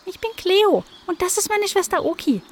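A cheeky young kitten girl from a storybook, very high and squeaky, carefree and stubborn, as a woman puts her on. She sounds a little distant from the mic. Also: sing-song, normal speed, full character voice. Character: cheeky young female spotted cat.

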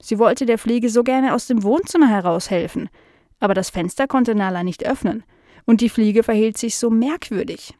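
A woman narrating a children's story in a calm, even reading voice. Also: on the high side, normal speed, no room sound, studio quality.

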